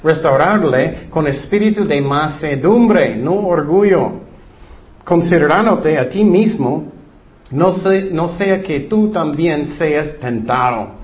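A man's voice: on the high side, expressive, takes it slowly. Earnest man preaching, dull lo-fi sound. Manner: earnest, conversational preaching with frequent asides. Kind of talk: informal Bible teaching. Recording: dull lo-fi recording.

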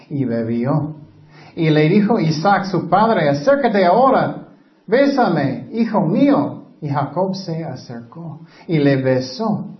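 A man preaching a sermon, reading scripture aloud and explaining it, lifting his voice for questions and dropping low on asides. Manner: rises in pitch and volume for questions and quoted lines, drops low on asides. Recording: roomy, distant, dull low-fidelity sound.

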